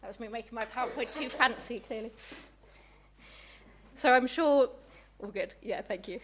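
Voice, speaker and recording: A woman's voice: fairly high pitch, normal speed, slight background noise. Slightly breathless woman lecturing. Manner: warm, chatty, apologetic asides. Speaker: museum curator giving a lecture. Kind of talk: public lecture.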